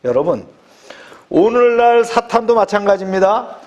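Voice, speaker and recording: Male pastor, raised pitch, emphatic preaching with quick affirmations between points. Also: animated, a little mellow. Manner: emphatic preaching, punctuated by frequent short affirmations. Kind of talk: sermon.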